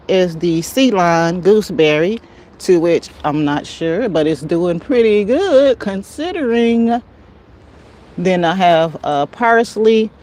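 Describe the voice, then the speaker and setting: In a slightly mellow, mid-range voice, an American woman hosts a casual, folksy garden livestream. Recording outdoors on a handheld phone, she keeps muttering to herself and her plants.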